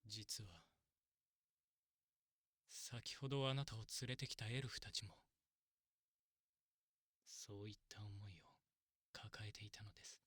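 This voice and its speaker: Elf priest, male actor: kindly, formal, measured ASMR role-play. Breathy husky tone, dry close sound. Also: lowish voice, steady tone, no echo. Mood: troubled. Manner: very polite, soft, measured. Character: kindly, courteous, long-lived male elf priest, wistful and gentle.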